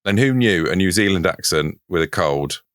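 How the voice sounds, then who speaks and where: A man's voice: sits low, expressive, normal speed, fairly bright tone, no room sound. A man co-hosting a comedy podcast, trading dry, wry quips. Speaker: podcast co-host. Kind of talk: casual comedic chat.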